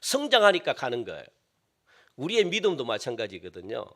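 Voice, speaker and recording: A pastor preaching a sermon in a church, asking questions and answering them himself, repeating phrases and dropping to a hush on key words. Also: male voice, medium pitch, huge pitch swings, a little fast. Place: church sanctuary.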